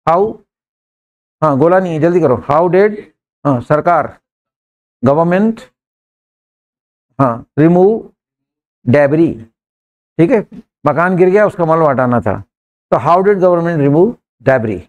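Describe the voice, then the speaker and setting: Slow-paced man teaching English. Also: fairly high pitch, a little mellow. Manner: coaxing students, repeating sentences slowly word by word. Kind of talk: live online class teaching English grammar.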